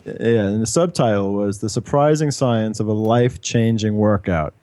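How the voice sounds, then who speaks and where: A middle-aged man, founder and podcast guest, chatting casually in a self-deprecating way with halting restarts. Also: on the low side, warm tone, dry recording.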